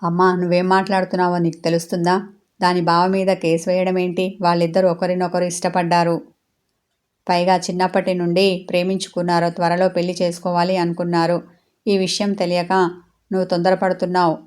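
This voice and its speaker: A woman voicing a young woman, a loyal friend and daughter, in an audio story, talking quickly. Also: on the low side, completely flat delivery, a little mellow, lightly acted. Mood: protesting.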